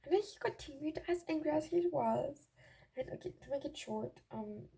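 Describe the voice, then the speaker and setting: Talking at a normal speed, a young woman vlogger tells personal stories in a giddy, gossipy ramble, often cutting herself off. Her voice is high, animated and mellow. The raw amateur recording is clearly noisy, with clicks.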